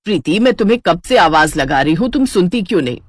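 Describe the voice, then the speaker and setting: A woman voicing a sharp-tongued middle-aged mother-in-law in a storybook tale, scolding and vengeful. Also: fairly low pitch, sing-song, fast talker, no room sound. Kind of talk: storybook character voice.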